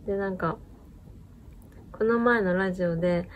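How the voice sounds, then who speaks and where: A woman's voice: mid-range voice, unhurried. Casual knitting-channel host, a woman, rambling chat with a faint background hiss. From Japan. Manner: rambling, chatty, frequent fillers and little laughs.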